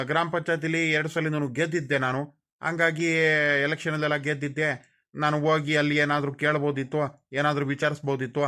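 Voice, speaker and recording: A proud, hot-headed village strongman from a comedy sketch, played by a man, speaking. He pushes one question after another in a fairly high, flat, bright voice. His bluster sours into sulky grumbling. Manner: fires off repeated questions, blustering then sulky. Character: proud middle-aged male village boss, quick-tempered. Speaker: former village council member. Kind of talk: rural comedy sketch acting.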